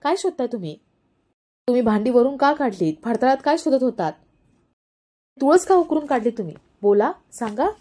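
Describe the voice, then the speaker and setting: A woman's voice: a little high, animated, normal speed, pauses often, warm tone. A woman voicing a determined young wife who keeps pressing with questions, read aloud as a serial recap. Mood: insistent.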